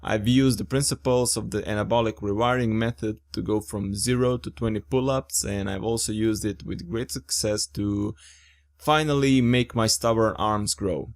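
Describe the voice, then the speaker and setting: A man's voice: on the low side, fairly even intonation, normal speed. A young man hosting a fitness podcast, talking in an upbeat, enthusiastic and informal way. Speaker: podcast host. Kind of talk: casual podcast chat.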